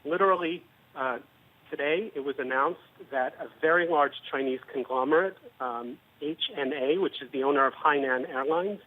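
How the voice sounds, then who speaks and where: Man, guest analyst, measured and explanatory, slightly high voice, phone-line sound. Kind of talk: business news interview. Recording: tinny phone-line audio.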